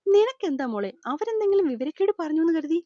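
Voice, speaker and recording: A woman voicing an older man, a gentle worried father figure, softly consoling and explaining in an audio storybook. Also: very high-pitched, sing-song, quick pace, no echo, voice pushed up. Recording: slightly dull lo-fi recording.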